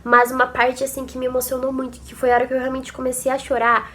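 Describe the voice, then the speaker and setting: A young Brazilian-accented woman vlogger tells her viewers a personal story to camera, chatty and emotional, frequently calling out to them. Her high-pitched voice is sharp in tone, completely flat in delivery, and fast.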